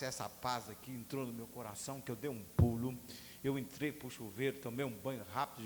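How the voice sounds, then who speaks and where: A man of around fifty with a Brazilian Portuguese accent, a pastor preaching an earnest, testimony-style sermon in a church. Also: medium pitch. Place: church sanctuary. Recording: echoey church hall with faint hum.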